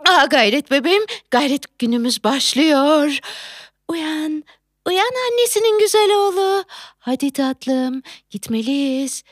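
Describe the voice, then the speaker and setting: A harried young working mother, played by a woman in a theatrical monologue, exclaiming in alarm one moment and cooing to her baby the next. Her voice sits high and leaps all over, yet she lingers unhurriedly over her words. The sound is dry and close, with no room around it. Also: expressive, slow pace, no room sound. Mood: hurried. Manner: frantic, exclaiming, coos to a baby. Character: flustered young working mother, factory worker.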